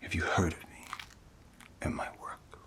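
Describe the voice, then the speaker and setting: Man playing whispering, cocky older devil hunter Dante. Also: sharp tone. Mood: self-important. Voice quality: breathy, half-whispered. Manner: slow, deliberate, mock-pompous. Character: older cocky goofy male devil hunter boss interviewing. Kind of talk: soft-spoken ASMR roleplay.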